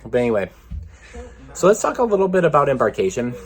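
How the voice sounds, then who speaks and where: A man's voice: mid-range voice, sing-song, fast talker. A slightly out-of-breath man vlogging casually from a ship cabin, rambling with many ums. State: a little out of breath. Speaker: travel vlogger. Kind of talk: casual vlog to camera.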